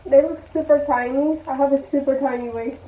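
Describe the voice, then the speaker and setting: With a phone camera propped low on her bedroom floor, a twenty-something woman talks to viewers and thinks aloud as she packs clothes for a casual vlog. She speaks in a steady tone, a little fast, and the small room sounds echoey and tinny.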